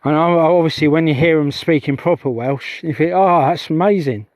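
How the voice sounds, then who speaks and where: A middle-aged man, a UFO investigator vlogger, livestreams outdoors on a heath with a somewhat high, fairly quick, slightly mellow voice and no room sound. His talk is chatty and meandering, rambling along and constantly interrupting and restarting itself.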